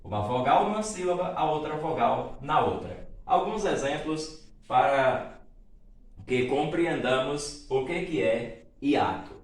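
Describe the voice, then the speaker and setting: A male teacher talks through a lesson in a patient, drawn-out way, pausing to check that everyone is following. His voice sits at an ordinary pitch and carries a strong room echo. He sounds a little away from the microphone. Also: lively intonation. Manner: explains slowly, checks in with "certo?" and "tá bom?". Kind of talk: recorded grammar lesson. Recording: echoey room, voice from a distance.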